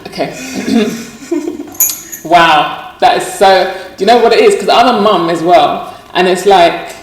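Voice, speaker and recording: A woman's voice: fairly low pitch, takes it slowly. A woman hosting an interview, chatty and openly emotional. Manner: chatty, emotional, laughs often. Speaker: interview host. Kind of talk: casual chat. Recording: echoey room, distant mic, faint noise.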